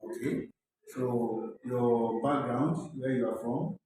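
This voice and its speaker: A man hosting an interview, speaking formally with slow fillers. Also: mid-range voice, steady tone. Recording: echoey room, distant mic, crowd noise.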